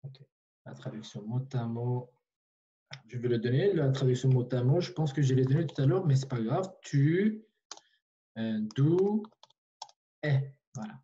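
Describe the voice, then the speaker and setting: A man's voice: medium pitch, normal speed, warm tone, dull audio. A man teaching a language online in a patient way, repeating himself with many fillers and restarts, over a video call.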